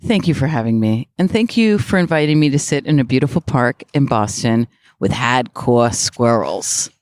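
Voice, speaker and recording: A woman interview guest, an author and speaker, chatting in a lively, laughing way, recorded outdoors in a park. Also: low voice, quick pace, dry recording. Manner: lively, laughing, animated storytelling. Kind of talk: casual chat.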